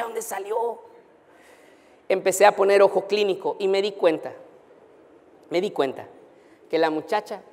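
Man preaching in a reverberant hall. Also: sits high. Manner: animated anecdotal storytelling. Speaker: pastor. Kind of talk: storytelling sermon.

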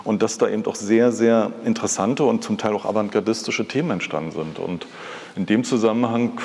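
With a gravelly, slightly mellow voice of fairly low pitch, this art patron talks fairly quickly as a guest at a live talk. He is from East Germany, in his fifties, and his conversational storytelling is personal and reflective. The reverberant sound comes from a large glass-fronted indoor hall.

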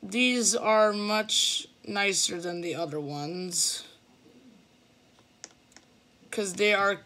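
A young man with a high, bright voice and a forceful tone gives a casual walkthrough of his game build. He speaks slowly and hesitantly with fillers while filming the computer screen on his phone.

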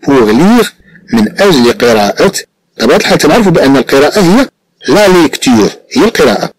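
A man from Morocco with a Moroccan Arabic accent teaches a French lesson, reading phrases slowly and explaining briskly in Arabic. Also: fairly high pitch, big pitch swings, dry recording, rough recording.

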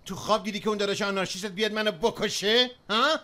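A man dubbing a volatile drunk husband who snarls threats, swinging between shouting and low muttering, in a dubbed film. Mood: furious. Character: volatile drunk man, Yusuf, bullying his wife. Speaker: dub actor.

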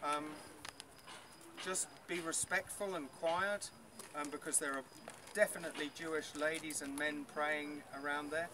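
In an unhurried, steady manner and a fairly high voice, a middle-aged tour guide chats through an outdoor tour next to an old stone wall, with many ums and questions for the group. It's a noisy outdoor recording taken by a far camera.

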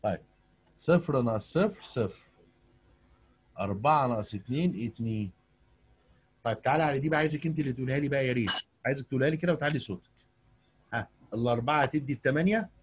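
A man's voice: mid-range voice, rapid-fire, pauses often, husky. A man with an Egyptian accent teaching math to a young pupil over a video call, coaxing her with patient questions. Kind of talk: online tutoring lesson.

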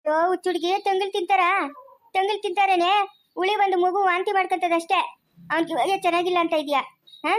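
An actress with a rural Chikkaballapur Kannada accent playing a kind neighbor woman who gently comforts a crying new mother. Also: extremely high pitch, steady tone, fast talker. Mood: reassuring.

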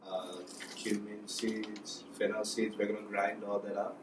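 A man's voice: on the low side, level tone, a little slow, background noise. Hesitant man, echoey room, far mic. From Sri Lanka. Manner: hesitant, many ums and uhs, lists ingredients. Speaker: cook showing a recipe. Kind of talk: casual cooking demonstration. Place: small indoor room, student kitchen.

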